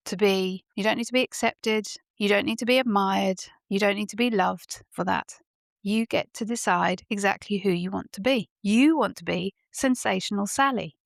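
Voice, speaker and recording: Gravelly woman giving motivational talk. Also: medium pitch, no echo, studio quality. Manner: emphatic, full of rhetorical questions. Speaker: podcast host. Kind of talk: motivational podcast monologue.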